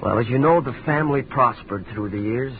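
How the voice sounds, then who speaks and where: A man's voice: medium pitch, brisk, slight background noise, lightly acted. An actor in 1940s radio drama playing a wounded man who earnestly recounts his family's curse. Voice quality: earnest, storytelling. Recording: tinny old radio broadcast.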